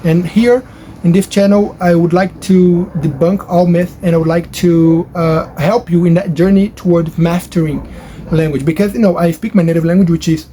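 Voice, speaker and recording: A language-learning YouTuber whose first language is Portuguese chats casually to the camera from his bedroom, rambling with lots of fillers and restarts. His voice is mellow and steady at a normal speed. His home sits near a highway, and traffic noise can be heard in the background.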